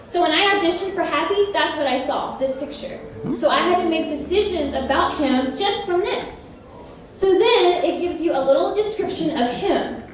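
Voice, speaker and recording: Brief: high-voiced woman, lively panel speaker, recorded from afar in a big echoing convention room. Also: moderate pace, a crowd in the background. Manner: chatty and animated, laughs often, quizzes the audience. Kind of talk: convention panel talk to an audience. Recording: very echoey hall from a distance.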